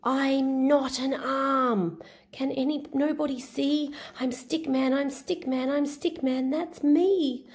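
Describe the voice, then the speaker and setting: A woman's voice: sits high, fairly even intonation, slow, darkish tone, voice pushed up. A woman doing Stick Man, a chirpy little stick figure. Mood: insistent. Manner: sing-song chanting refrain.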